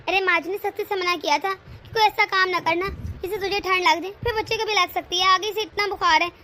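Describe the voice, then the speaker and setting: A woman's voice: very high voice, steady tone, a little fast, bright, forceful tone, a little hiss or hum. A woman voicing a patient dutiful daughter-in-law. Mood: placating. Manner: soothing, accommodating. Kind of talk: cartoon family drama voicing.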